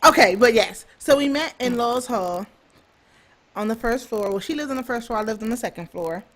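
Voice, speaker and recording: Relaxed woman co-host, higher voice. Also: normal speed. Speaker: podcast co-host. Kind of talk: casual chat.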